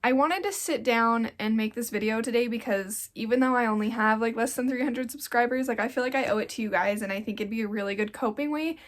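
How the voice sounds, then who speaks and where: A young YouTuber around twenty, a little congested since getting sick, rambles earnestly through a casual sit-down vlog, saying "like" again and again. She talks quickly with hardly any pauses, her voice on the high side.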